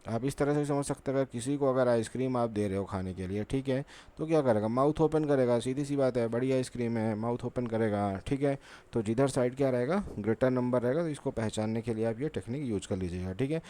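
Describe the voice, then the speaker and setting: Talking fast with few pauses, a man with a dark mid-range voice teaches a maths lesson at a board. He is patient and repetitive, keeps repeating "ठीक है," and asks rhetorical questions that he then answers.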